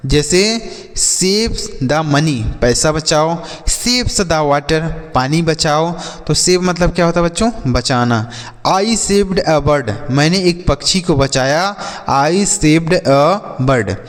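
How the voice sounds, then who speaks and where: Slow-spelling man teaching. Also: a little high, big-room sound. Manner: drills slowly, asks and answers his own questions. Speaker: English teacher. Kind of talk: classroom-style vocabulary lesson.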